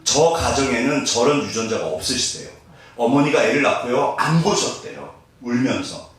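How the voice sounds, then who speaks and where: A man's voice: medium pitch, normal speed, fairly bright tone. A middle-aged man preaching a sermon as pastor, humorous and self-deprecating, often laughing. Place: church sanctuary. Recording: roomy echo, voice from a distance.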